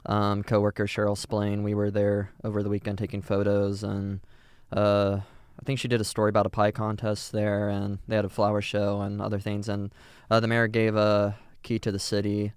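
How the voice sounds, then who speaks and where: Flat-voiced Midwestern man, smooth tone. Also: fairly low pitch, moderate pace, hardly any pauses, no echo, studio quality. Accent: Midwestern American. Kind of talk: casual podcast chat.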